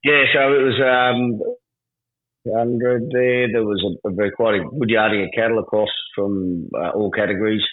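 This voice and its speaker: A man's voice: fairly low pitch, fairly even intonation, moderate pace. A man with a rural Australian accent giving a casual livestock market report on radio in a laconic, colloquial outback drawl. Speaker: livestock agent interviewed as guest. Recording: roomy, phone-like line.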